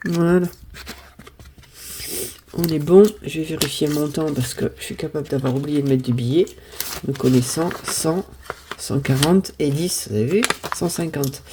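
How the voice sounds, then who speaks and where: This budgeting vlogger, a woman in her fifties, speaks low at a normal speed with frequent pauses as she sorts and counts her savings at home. Sniffling from pollen, she keeps the chat casual, apologizes a lot, and exclaims when something pleases her, all against background noise.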